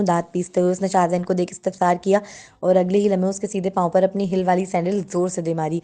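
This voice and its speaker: A woman narrating a romance novel in a steady, unhurried reading manner. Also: lowish voice. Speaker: novel reader. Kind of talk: audiobook narration.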